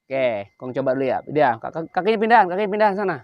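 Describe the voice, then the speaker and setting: A man's voice: fairly high pitch, sing-song, fast talker, muffled recording, slight background noise. An older man, hosting a casual cooking vlog and playfully coaxing his grandchild as he talks. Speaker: vlog host.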